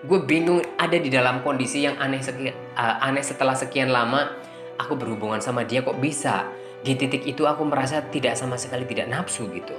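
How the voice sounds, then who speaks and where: Man telling a candid personal story. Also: mid-range voice. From Indonesia. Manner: candid, halting, with many fillers and restarts. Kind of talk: personal confession narration. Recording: echoey room with music underneath.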